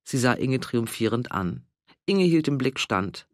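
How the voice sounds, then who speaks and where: A man reading a novel aloud as audiobook narrator, in a calm, measured narrating voice. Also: medium pitch, dry recording, studio quality.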